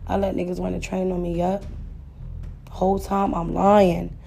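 A woman's voice: on the low side, moderate pace, creaky, slight background noise. A young adult woman casually telling a profane personal story, acting out both sides of the dialogue. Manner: blunt, profane, animated retelling with quoted dialogue. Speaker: storyteller sharing a listener's story.

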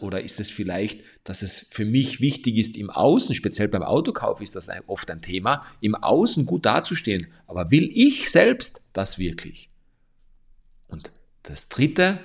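Guy coaching you through big decisions, husky voice, pitch moves around a lot, talks straight to you. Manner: addresses the listener directly, calm and explanatory. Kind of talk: motivational coaching monologue.

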